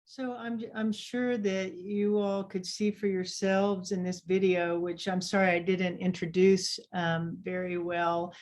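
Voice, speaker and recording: A woman's voice: lowish voice, little pitch movement, unhurried, few pauses, a little mellow. A woman lecturer talks casually to an audience, apologetic and hesitant, with fillers.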